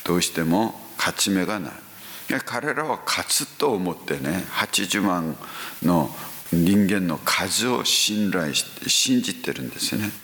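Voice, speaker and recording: A man preaching a sermon, talking slowly with frequent hums and sudden rising exclamations. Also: deep voice, animated, a bit bright. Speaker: pastor. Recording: echoey hall with faint hiss.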